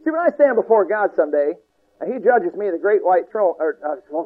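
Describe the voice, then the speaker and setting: A man's voice: high voice, very animated, brisk. A man preaching a sermon in an emphatic, folksy, repetitive way, stacking up short phrases. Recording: tinny lo-fi radio broadcast.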